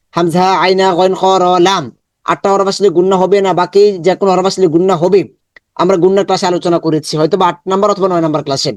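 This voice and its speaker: Male Quran tutor, fairly high voice, dry close sound, patient syllable-by-syllable drilling and slow chanted recitation. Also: darkish tone, dry recording. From Bangladesh. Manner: chants the Arabic verse slowly and drawn out. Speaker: Quran teacher. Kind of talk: online Quran recitation lesson.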